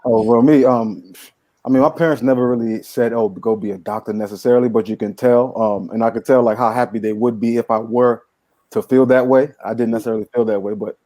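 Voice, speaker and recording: A man's voice: mid-range voice, steady tone, a little fast, warm tone, dry recording. A man from Nigeria, a comedian on a video-call panel, talking hesitantly with many fillers. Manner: hesitant, filler-heavy, then joking. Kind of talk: casual panel chat.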